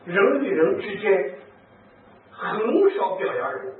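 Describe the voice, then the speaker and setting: Animated priest, distant echoey hall. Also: male voice, high voice, slow pace, phone-quality sound, slight background noise. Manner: animated storyteller, acts out quoted speech, chuckles. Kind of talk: lively talk with anecdotes to priests and nuns.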